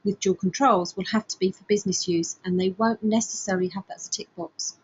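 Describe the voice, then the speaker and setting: A woman's voice: mid-range voice, steady tone, fast, breathy edge, dull audio. A woman on a discussion panel gives informal, practical advice.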